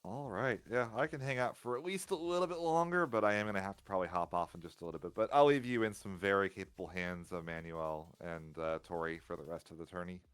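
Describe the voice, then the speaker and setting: A man's voice: low-pitched, fast, hardly any pauses, a bit bright, clean tone. A man co-commentating a tournament stream from another time zone, chatty and rambling, with frequent restarts. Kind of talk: casual stream commentary chat.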